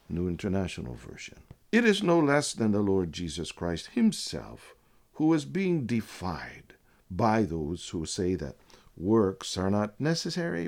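A man's voice: lowish voice, darkish tone. A man preaching a sermon, speaking emphatically and quoting scripture with citations.

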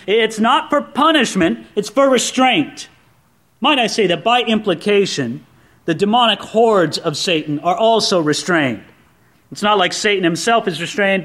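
A man delivers a sermon in a fairly high voice. He preaches with earnest animation. He often stumbles and restarts his phrases. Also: a bit bright. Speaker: pastor.

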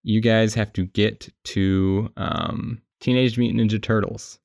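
A man's voice: lowish voice, steady tone, measured pace, creaky, a little mellow, no room sound, clean studio sound. A man hosting a podcast in casual chat, recording under a blanket and often laughing as he rambles. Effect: muffled by a blanket over the mic. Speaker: podcast host.

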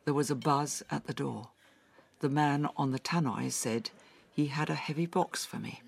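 A woman's voice: low voice, gravelly, slightly rough, exaggerated voice. A woman playing a haunted, whispering survivor. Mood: distressed. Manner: halting, often dropping into whispers. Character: traumatized woman recounting a brutal attack. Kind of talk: audio drama acting.

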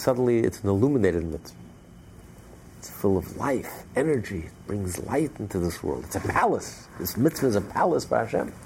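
A man tells a Torah story as a lesson, circling back to repeat and stress his key points. His voice is gravelly and dark. There is a faint hiss of noise in the background. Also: medium pitch. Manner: repetitive, emphatic storytelling with many restarts. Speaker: Torah teacher.

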